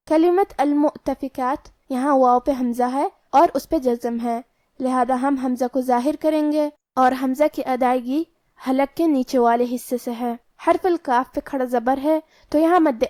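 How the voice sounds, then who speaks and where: A woman's voice: high-pitched, darkish tone, no room sound. A woman teaching Quran recitation rules, explaining each letter and its rule methodically, step by step. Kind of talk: tajweed lesson.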